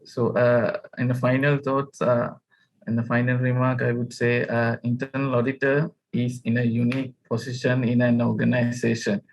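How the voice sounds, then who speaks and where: A man from Sri Lanka, a guest speaker giving polite, measured remarks with hesitations. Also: mid-range voice, level tone, poor audio. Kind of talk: formal thanks and remarks on a video call.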